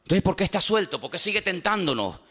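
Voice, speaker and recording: Preaching with energy and wit, this male pastor uses repeated phrases, rhetorical questions and little performed exchanges. His voice sits high, husky and fast.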